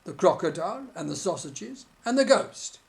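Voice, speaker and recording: A polite, formal interviewer in a scripted mock studio interview. The delivery is straight-faced, yet the pitch moves about in a lively way. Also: normal speed, gravelly.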